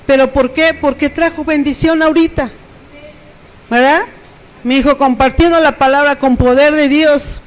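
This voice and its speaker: A middle-aged Mexican woman preaches a sermon from the pulpit. She speaks with a Mexican accent and keeps drawing in her congregation with quick rhetorical questions. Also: sits high, steady tone, rough recording. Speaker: pastor.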